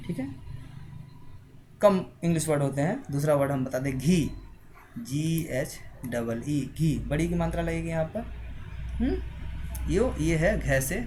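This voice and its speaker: A man's voice: medium pitch, background noise. Hindi-speaking man spelling words aloud. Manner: asks frequent checking questions. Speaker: teacher. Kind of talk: spoken spelling lesson.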